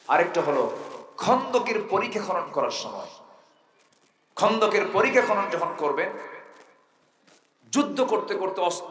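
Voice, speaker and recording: A man preaching a waz sermon, telling a story with loud passionate outbursts and softer, hushed stretches. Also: sits high, reverberant, far from the mic, a little hiss or hum. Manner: impassioned, swings between loud cries and soft storytelling.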